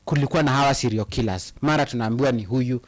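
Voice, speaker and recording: Speaking rapid-fire in a mid-range voice, a Kenyan man co-hosts an informal English-Swahili live chat. He reads viewers' comments aloud with passion, stumbling through hesitant fillers.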